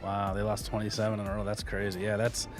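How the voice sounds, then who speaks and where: A man's voice: lowish voice, monotone, fast, soft background music. A man hosting a sports podcast in casual, jokey, informal banter.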